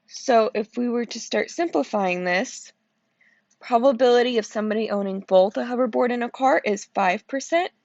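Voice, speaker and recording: Sleepy woman teacher, gravelly voice. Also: on the high side, normal speed, darkish tone, no echo, muffled recording. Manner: explains step by step, checking in with "okay?". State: sleepy, yawning. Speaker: math teacher. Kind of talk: recorded classroom lesson walkthrough.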